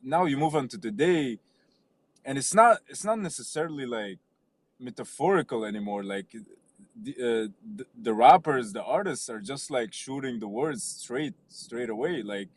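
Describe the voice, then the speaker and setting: A man's voice: mid-range voice, expressive, moderate pace. A man from Lebanon calling into a stream, talking hesitantly with many fillers and restarts. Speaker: caller. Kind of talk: casual call-in chat.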